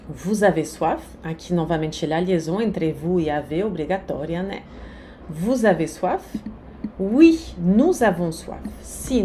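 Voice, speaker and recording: Woman, teacher, language lesson, slow careful drills, faint background noise. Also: on the low side, mellow. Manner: slow, carefully over-articulated pronunciation drills. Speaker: French teacher.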